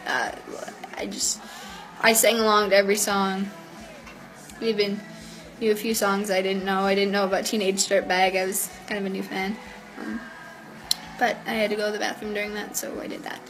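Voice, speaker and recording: Chatty woman with a flat voice. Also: medium pitch, normal speed, pauses often, faint music behind, poor audio. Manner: chatty, rambling with fillers. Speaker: fan telling a concert story. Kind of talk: casual storytelling.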